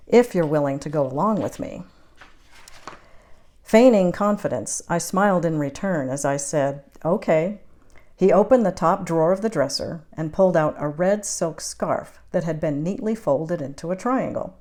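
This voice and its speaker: A woman with a notably low voice reads a first-person romance audiobook. Her delivery is measured and intimate, a storyteller taking her time with each scene. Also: darkish tone. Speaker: audiobook reader.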